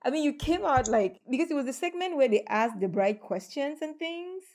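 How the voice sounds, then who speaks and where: Woman interviewer, casual and affirming; quickens when making points. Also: high-pitched, expressive, darkish tone.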